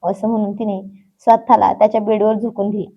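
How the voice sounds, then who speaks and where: A woman reading a story aloud in a steady, plain storybook narration. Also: medium pitch, quick pace. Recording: dull lo-fi sound.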